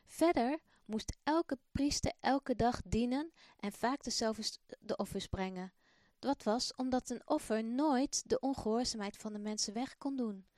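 A woman's voice: a little high, measured pace, no room sound, studio quality. Woman telling a children's Bible story. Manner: gentle, addresses children directly.

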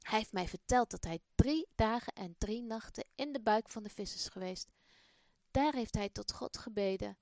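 A woman's voice: a little high, moderate pace, darkish tone, no echo, clean studio sound, close to an everyday voice. A woman playing eager boy Malik.

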